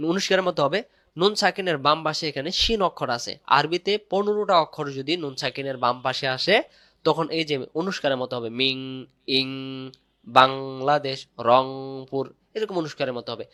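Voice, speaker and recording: A man teaching Quran recitation step by step, drilling syllables slowly and repeating words loudly for emphasis. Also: mid-range voice, no echo, studio quality.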